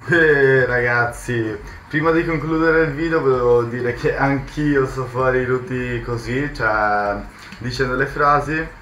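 A man's voice: mid-range voice, fairly even intonation, measured pace, a bit bright, faint music behind. A young man chatting casually to viewers as the host of a video, indoors at his computer. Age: young adult. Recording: roomy echo, faint background noise.

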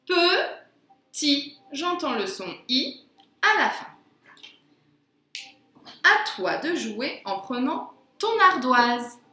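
Slow, careful woman teaching phonics. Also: high voice, big pitch swings, bright, forceful tone, echoey room. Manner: slow, careful, drawn-out word pronunciation. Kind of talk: phonics lesson for young children.

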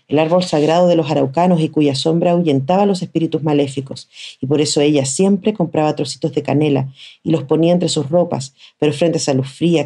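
Mellow-voiced woman reading a story. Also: deep voice, breathy edge. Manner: measured, expressive. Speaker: reader of short stories.

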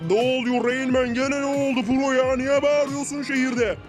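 Performer as smug rich man, patronizing, honeyed singsong, very high voice, cartoon parody. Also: level tone, moderate pace, soft background music, natural voice. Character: smug rich man, sweet-talking and dismissive.

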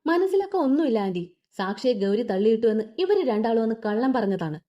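A woman's voice: a little high, big pitch swings, fairly quick, warm tone. A woman voicing a furious young husband who speaks harshly and makes threats, on a dull lo-fi recording. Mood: angry.

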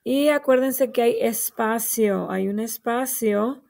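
A woman's voice: a little high, slow, gravelly, a little mellow. A woman teacher walking young children through writing a short sentence, patiently spelling out letters and pointing to each word. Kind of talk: slow early-grade writing lesson for children.

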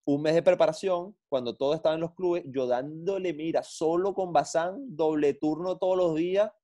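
A middle-aged man, a former footballer telling blunt, animated stories in an interview. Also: on the high side, normal speed. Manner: blunt, animated storyteller with slang. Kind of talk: interview storytelling.

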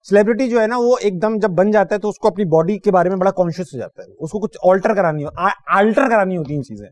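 A man's voice: high voice, expressive, fast. A man hosting a comedic talk show, teasing his guest. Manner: joking, teasing banter. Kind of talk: comedic interview.

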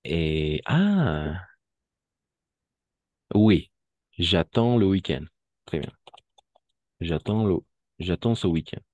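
A man with a low, dark voice teaches French, patiently explaining and moving back and forth between French and Spanish. He is recorded close up, with a dry sound and no room around him. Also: sing-song, drawn-out words, long pauses, no echo, lo-fi sound. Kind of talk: online language lesson.

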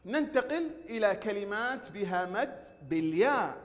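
Male teacher, very high lively voice, slow drilled words, long hall reverb. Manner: slow drawn-out pronunciation drills with praise. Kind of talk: recorded online lesson.

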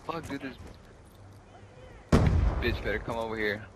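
A young man giving casual, excitable gameplay commentary, swearing often. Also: medium pitch, measured pace. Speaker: gamer. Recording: noisy game audio with gunfire behind. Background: gunfire from the game.

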